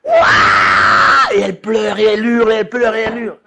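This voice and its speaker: A man's voice: sits high, rapid-fire, raised voice, heavy background noise. A man, a rabbi, giving a colloquial Torah lesson, telling stories and acting out the scenes in them. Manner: animated, colloquial, acts out scenes.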